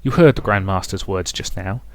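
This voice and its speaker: A man's voice: deep voice, faint music behind, lightly acted. Man playing a grave, formal scheming villain. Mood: suspicious, insistent. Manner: formal, measured. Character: scheming male villain officer, grave, formal, suspicious of his master.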